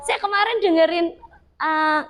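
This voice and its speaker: A woman's voice: extremely high pitch, a little slow, fairly bright tone, faint music behind. A middle-aged woman pastor, preaching a sermon with personal stories and acting out her own past prayers.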